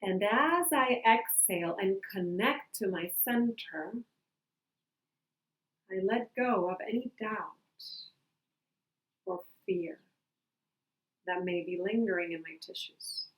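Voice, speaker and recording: Woman doing a calm grounding meditation, real slow and gentle, long pauses, kinda echoey room. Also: medium pitch. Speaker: meditation guide. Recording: roomy, echoing sound.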